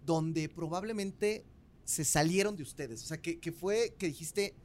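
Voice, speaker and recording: A man with a Mexican Spanish accent hosting a podcast, chatting casually and quickly egging his guests on. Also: fairly high pitch. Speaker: podcast host. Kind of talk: casual interview chat.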